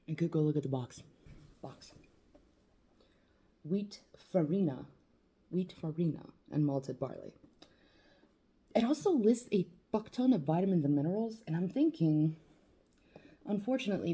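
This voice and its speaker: A young woman talks loosely to her vlog camera. She rambles, swears and pokes fun at herself while her face aches. Her voice sits low and is soft and husky, with a dark, mellow tone. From New Mexico. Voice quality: swearing, rambling, self-mocking. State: in facial nerve pain. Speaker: vlogger. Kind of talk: casual talk to camera.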